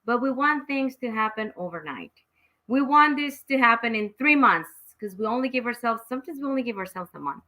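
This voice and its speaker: A woman's voice: on the high side, lively intonation, brisk, sharp tone, rough recording. A woman hosting an interview, chatty and enthusiastic, reacting with exclamations and talking openly about her own goals. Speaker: host. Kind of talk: casual interview chat.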